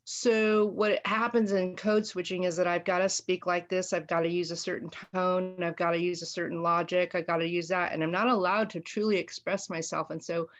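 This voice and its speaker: A woman's voice: on the low side, moderate pace, few pauses. A woman speaking as a panelist on a video call, talking candidly and acting out quoted exchanges. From United States. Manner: expressive, acts out quoted exchanges. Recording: muffled video call audio.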